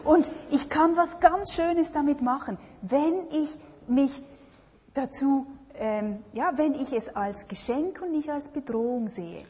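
A woman's voice: high voice, a little slow, mellow, slight background noise. A woman giving a talk on partnership and relationships, reflective and full of questions to her listeners. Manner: reflective, asks many questions. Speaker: speaker on marriage and relationships. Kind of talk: talk to an audience. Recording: long hall reverb.

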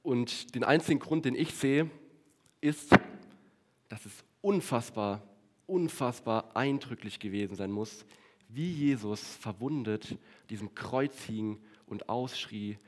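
A man preaching a sermon to his congregation, earnest, stretching key words slowly and dropping to a quiet voice on solemn lines. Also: medium pitch. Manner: addresses the congregation directly.

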